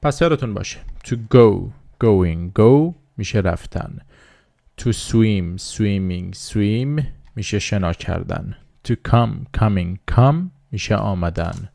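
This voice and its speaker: Gravelly low-voiced man teaching slowly. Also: expressive, warm tone, no room sound, studio quality. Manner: slow drilling repetition of words, patient explaining. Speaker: English teacher. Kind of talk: beginner language lesson.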